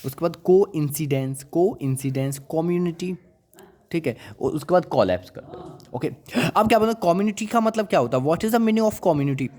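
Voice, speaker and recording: A man's voice: fairly high pitch, moderate pace, warm tone. A man teaching with repeated questions. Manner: repeats words and quizzes listeners with questions; coaxing, calls listeners brother and child. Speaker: English vocabulary teacher. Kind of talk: classroom lecture.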